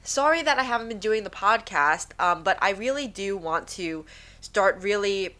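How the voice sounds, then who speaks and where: A woman hosts her own podcast from home, chatting and rambling casually in a stuffy, nasal voice from a blocked nose. Her medium-pitched delivery is animated, pushed and bright, at a normal speed.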